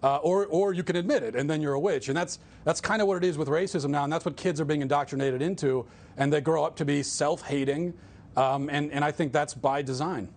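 A man as an interview guest, talking earnestly and restarting his sentences often. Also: fairly high pitch. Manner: earnest, halting with repeated restarts. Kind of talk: political interview.

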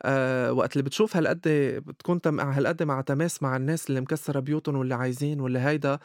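A man's voice: medium pitch, fairly even intonation, no echo, studio quality. A man with a Lebanese Arabic accent speaking casually as an interview guest, often stumbling into his words and repeating them. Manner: halting stammered starts, repeating words.

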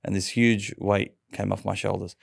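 Man, gravelly tone, dry close sound, laughs often while telling his story. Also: deep voice, normal speed, no echo. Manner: lively storyteller, laughs often, stumbles and restarts. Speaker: interview guest. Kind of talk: telling a personal conversion story.

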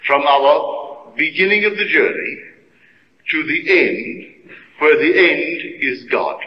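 A man giving a sermon-like religious lecture, speaking deliberately and emphatically in short, weighty phrases. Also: fairly high pitch, lively intonation, slight background noise. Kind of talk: sermon-like lecture to a live gathering. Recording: muffled old recording in echoey hall.

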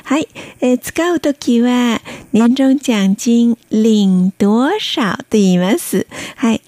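A woman's voice: on the high side, warm tone, no echo. A woman teaching a Chinese language lesson, patiently spelling out pronunciation and tones step by step. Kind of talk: slow careful language lesson.

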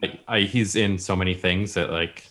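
A man's voice: low voice, fairly even intonation, normal speed, a bit bright. A man chatting casually about a movie, rambling and using many fillers.

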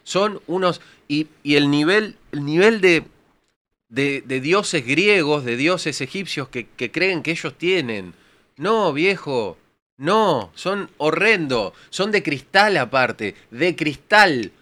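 A man's voice: on the high side, lively intonation, slow, pushed and bright. A man with an Argentine accent ranting vehemently and crudely in a heated panel debate. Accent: Argentine Spanish.

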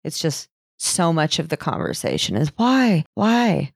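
Low-voiced woman recounting a true-crime case. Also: sing-song, moderate pace, gravelly, dry recording, clean studio sound. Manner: casual, swears freely while recounting a case. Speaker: podcast co-host. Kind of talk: true-crime podcast narration.

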